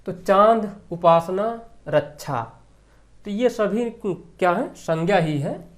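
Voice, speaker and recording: Slow, deliberate Hindi grammar teacher. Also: medium pitch, animated. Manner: repeats key phrases slowly and asks rhetorical questions. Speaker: Hindi exam-prep teacher. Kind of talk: classroom lecture explaining grammar questions.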